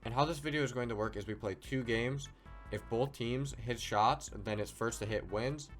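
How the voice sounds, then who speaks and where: A man hosting a gameplay video over a headset, talking at an ordinary middle pitch. He teases his teammates and shouts out cheers whenever a shot lands, in a loose, casual chat. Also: normal speed, soft background music. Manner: excited, teasing, calls out shots. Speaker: gaming channel host.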